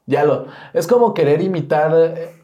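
A young man with a Mexican accent co-hosting a casual podcast, relaxed and questioning, often hesitating with fillers. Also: on the high side, moderate pace, lo-fi sound. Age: young adult. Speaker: podcast co-host.

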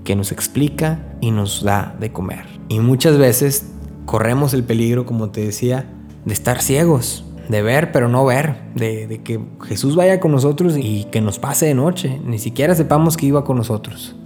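Earnest man with a mellow voice. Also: medium pitch, moderate pace. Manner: earnest, conversational, speaks straight to the listener. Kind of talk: spoken spiritual reflection. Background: faint background music.

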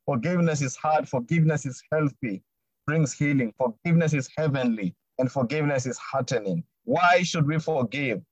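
A man's voice: medium pitch, normal speed, slightly rough, no echo. A man preaching a sermon in an emphatic way, repeating his key phrases. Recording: dull lo-fi recording.

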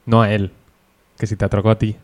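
A man's voice: lowish voice, little pitch movement, fast, a little mellow. Teasing man in casual podcast banter. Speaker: podcast co-host. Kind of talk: casual chat.

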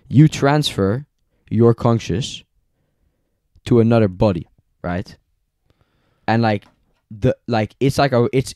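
A man's voice: mid-range voice, mellow, no echo, studio quality. A young adult man rambling casually in heavy slang as a podcast co-host. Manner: slangy, rambling, says bro often. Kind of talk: casual chat.

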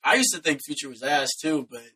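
A man's voice: on the high side, expressive, quick pace, pushed and bright, slightly rough. A young man in casual chat, blunt and slangy, swearing often.

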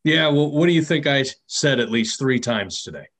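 A man's voice: mid-range voice, expressive, moderate pace, fairly bright tone, a little hiss or hum. A man co-hosting a casual chat podcast, trading dry, teasing banter. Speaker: podcast co-host.

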